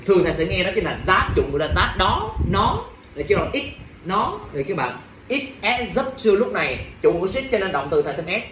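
A young man teaching English in a classroom, slowly repeating words and checking in with students. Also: high-pitched, sing-song, noisy background. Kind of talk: classroom pronunciation lesson. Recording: echoey room, mic far off.

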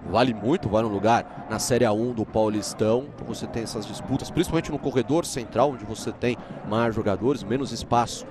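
A man's voice: on the low side, brisk, hardly any pauses, background noise. A Brazilian man giving live football match analysis as a co-commentator.

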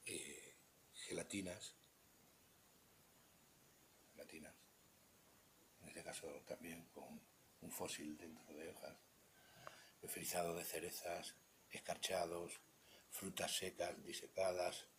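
A man with a Spanish accent, a cheese expert, gives an unscripted walkthrough of a buffet table indoors, talking in a halting, rambling way that trails off into murmurs, recorded on a handheld phone. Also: deep voice, level tone, noisy background. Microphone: handheld phone camera.

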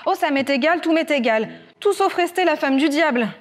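A woman voicing Mary, a young bride, frightened and defiant, urgent and high, over guitar music. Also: lively intonation, brisk.

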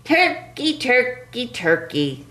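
A woman's voice: fairly high pitch, big pitch swings, slow, fairly bright tone, roomy sound, voice pushed up, full character voice. A woman voicing a little boy pilgrim who whines and pleads to skip the turkey hunt. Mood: whiny. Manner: pleading, whining. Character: whiny little boy pilgrim, reluctant hunter.

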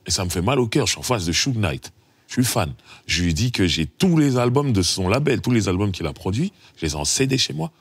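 A middle-aged man from France, a rapper guesting on an interview, telling lively stories and acting out the dialogue. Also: fairly low pitch, fairly quick, breathy edge, dry recording. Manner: lively storyteller, acts out dialogue, chuckles often. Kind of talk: casual interview anecdotes.

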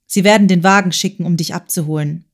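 A woman's voice: fairly low pitch, fast. A woman voicing a tormented, proud male writer in an audiobook, with an urgent, strained, insistent delivery. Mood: earnest. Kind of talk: audiobook character voice.

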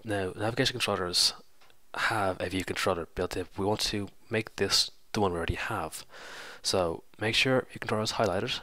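A programming tutorial host, congested with a stuffy cold, casually walks through a screen-recorded coding tutorial step by step, correcting himself along the way. His voice is on the low side, pushed and bright, at normal speed, with no room sound.

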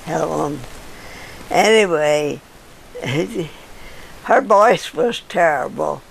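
An older woman being interviewed, telling old neighborhood stories in a halting way with fillers and chuckles. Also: low voice, lively intonation, gravelly, slight background noise. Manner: halting storyteller with frequent laughs and fillers. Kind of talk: casual reminiscing.

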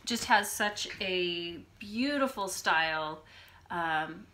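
A woman with a nasal, bright voice talks in a relaxed, chatty way as she co-hosts a podcast. She laughs easily. Her recording is a home phone setup, and a faint hiss sits under it. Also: fairly low pitch, takes it slowly. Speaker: podcast co-host. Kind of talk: casual chat.

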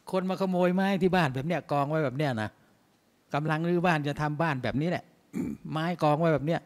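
A man's voice: fairly high pitch, a little mellow. A man giving a mosque sermon as imam, in a conversational way full of rhetorical questions.

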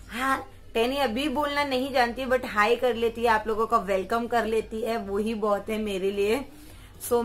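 Casting: young mother vlogger, high bright voice, casual chat with coaxing sing-song baby talk. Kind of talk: casual vlog talk to camera with her toddler.

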